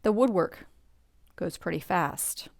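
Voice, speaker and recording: In a dry, studio-quality recording, a woman with a fairly low, creaky voice does a bedtime picture-book read-along. Unhurried, she chats with the listener, calls out details, and asks questions throughout.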